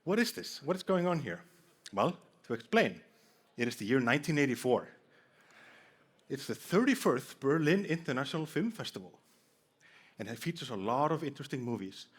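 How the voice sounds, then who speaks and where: Speaking at normal speed but with long pauses, a man uses a very animated, medium-pitched voice that is slightly rough. He is from Iceland, has an Icelandic accent, and gives a playful, jokey conference talk on stage while bantering with the audience.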